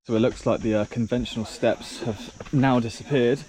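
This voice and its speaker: A man's voice: mid-range voice, steady tone, normal speed, a little mellow. A man narrating his travel vlog outdoors in a chatty, rambling way, full of ums, into a handheld camera. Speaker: travel vlogger. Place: outdoors on a rock trail. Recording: outdoor noise with insects and crickets.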